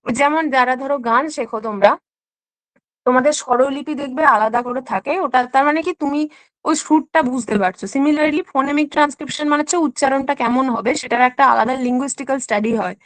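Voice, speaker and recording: A woman's voice: high-pitched, fast, a bit bright, dry recording, poor audio. A woman teacher giving an online exam-prep lesson, explaining step by step, mixing in English terms and checking in often. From West Bengal.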